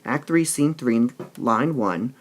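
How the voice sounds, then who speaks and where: A man's voice: mid-range voice, animated, slow pace. A man teaching a literature lesson, explaining patiently and often checking in with "all right?" between passages he reads aloud.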